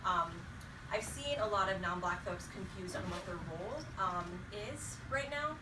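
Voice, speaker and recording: A woman's voice: medium pitch, lively intonation, moderate pace. A woman from North Carolina giving prepared remarks as a panel speaker to a group. She speaks in a direct, impassioned way with frequent "um" fillers. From North Carolina, USA. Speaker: panel speaker at an organizing event. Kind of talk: prepared speech delivered to a group. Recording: roomy, distant mic, clear background noise.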